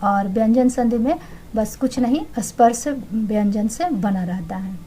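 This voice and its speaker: A woman's voice: on the high side, steady tone, unhurried, dark tone, slight background noise, low-quality recording. A young woman teaching exam answers, explaining each one and then repeating it to check understanding.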